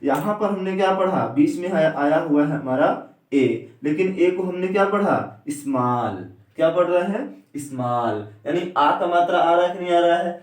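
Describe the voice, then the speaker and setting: A man teaching an English pronunciation lesson. He keeps asking questions and answering them himself, and he slows down to spell out vowel sounds. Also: high-pitched, darkish tone. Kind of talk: classroom lecture. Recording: echoey room, a bit far from the mic.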